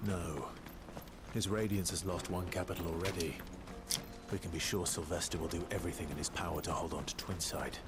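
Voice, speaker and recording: An actor playing a grave, steady warrior hero in a fantasy video game, speaking in a measured, serious way. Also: male voice, low-pitched, lightly acted. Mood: grave, resolute.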